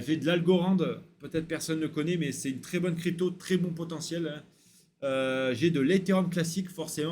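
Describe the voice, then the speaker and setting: A man with a slightly raised voice chats casually to camera, pausing often with hesitant fillers as he runs through long lists. There is a faint hum of room ambience under his voice. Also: a little high. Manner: chatty, many hesitation fillers, rattles off lists. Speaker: crypto YouTuber.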